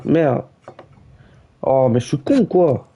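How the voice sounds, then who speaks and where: A man's voice: mid-range voice, big pitch swings, slow, warm tone, breathy edge, poor audio. A man streaming a football video game, chatting with friends in slangy, teasing, mock-outraged asides and calling the match like a mock commentator.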